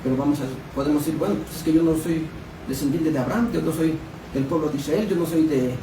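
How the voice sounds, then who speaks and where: Preacher in an echoey church. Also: male voice, on the high side, quick pace. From Mexico. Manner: questioning the congregation, reading scripture aloud. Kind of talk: Bible study sermon. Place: church hall. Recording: echoey room, distant mic, background noise.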